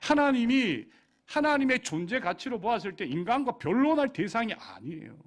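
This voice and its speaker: A male pastor preaching a sermon with passion, moving from quiet asides to loud, pleading cries. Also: extremely high pitch, sing-song, normal speed.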